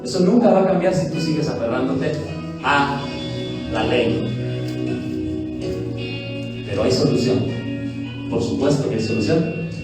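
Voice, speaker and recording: A man preaching a lively sermon as pastor, who acts out quotes of church members. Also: medium pitch, a little slow, pauses often. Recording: echoey hall heard from a distance with faint music.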